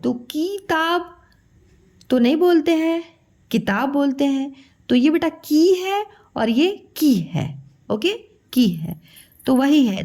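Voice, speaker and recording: A woman teaching young children to read, stretching syllables slowly and calling the listener "beta". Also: sits high, warm tone. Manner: slow, drawn-out syllables for children. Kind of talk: children's Hindi lesson.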